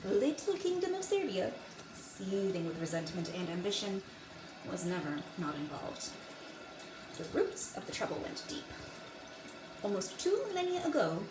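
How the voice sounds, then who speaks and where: Woman, theatrical deliberate reader, roomy echo, running water noise behind. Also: medium pitch. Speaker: host of a dramatic reading series. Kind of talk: dramatic book reading with casual asides. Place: echoey room beside a running faucet. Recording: echoey, distant mic, running tap water noise. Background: running tap water.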